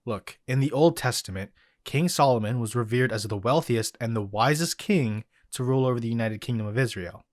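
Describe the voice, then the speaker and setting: An actor playing a calm, knowledgeable male occult expert who explains things in a measured way, also narrating in an audio drama. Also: mid-range voice, dry recording, studio quality, close to an everyday voice. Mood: level.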